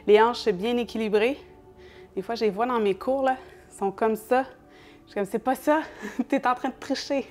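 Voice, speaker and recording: A yoga teacher with a Quebec French accent, guiding a class in a fairly high voice. She gives calm, step-by-step instructions and laughs lightly now and then.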